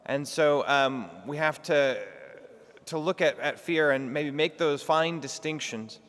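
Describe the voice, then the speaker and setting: A man giving a lecture in a large church, talking quickly while he tries to slow down and project. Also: on the high side, fairly bright tone. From Texas. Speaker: guest lecturer. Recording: long hall reverb in a church.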